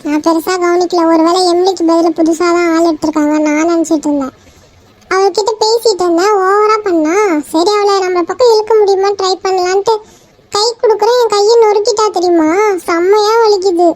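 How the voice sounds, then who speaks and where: A woman doing a very high-voiced complaining office girl. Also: fairly quick, no room sound. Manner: complaining, animated storytelling. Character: young office woman, aggrieved gossip. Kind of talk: Tamil cartoon voice acting.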